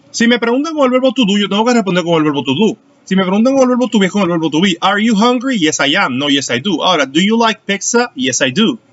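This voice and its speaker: Male teacher, slightly high voice, patient explaining, lo-fi online class audio. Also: a bit bright. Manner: explanatory, asks students questions. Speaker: English teacher.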